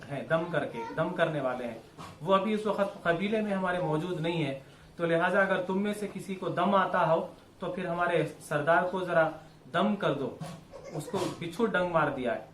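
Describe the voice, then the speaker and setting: Man, religious teacher; patient repetitive explainer, fairly high pitch, roomy echo. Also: a bit bright, slight background noise. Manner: explains step by step, repeats and rephrases. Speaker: Quran teacher. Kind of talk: religious lesson. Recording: echoey room with faint ambience.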